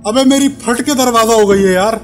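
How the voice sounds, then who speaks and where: A man giving excitable live commentary on a horror game, often repeating words in panic, with an Urdu-speaking accent. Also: very high voice, a little fast. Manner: excitable, swears and repeats words when scared. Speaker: gameplay commentator. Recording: game music playing behind.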